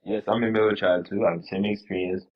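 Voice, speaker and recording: A man's voice: low voice, steady tone, fast talker, breathy edge, lo-fi sound. A man from Congo, a returning podcast guest, speaking in an upbeat, casual way.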